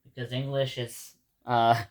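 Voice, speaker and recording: Speaking at a measured pace in a mid-range voice with little pitch movement, a male vlogger from Ecuador shares a casual reflection with his audience. Spanish is his first language, and he rambles, restarts, repeats words and keeps calling his viewers "guys".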